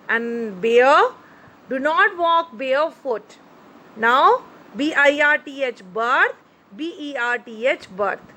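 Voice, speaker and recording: A woman's voice: high voice, bright, forceful tone, a little hiss or hum. A woman teacher with an Indian English accent, a Hindi speaker, gives a bilingual grammar lesson to children, spelling out words letter by letter. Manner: addresses listeners as children. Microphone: phone screen recording.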